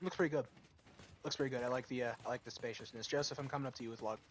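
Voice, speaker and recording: A young adult man chatting casually on a stream, rambling and swearing, breaking into loud rants. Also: mid-range voice, steady tone, very fast. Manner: rambling, profane, bursts of loud ranting. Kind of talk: casual chat.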